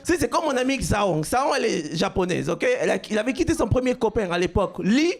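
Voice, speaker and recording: A man from Cuba doing a stand-up comedy set on a club stage, with a loud, punchy delivery that shouts out the punchlines. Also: high voice, very animated, fast talker, creaky. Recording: live club recording with crowd. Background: audience laughter.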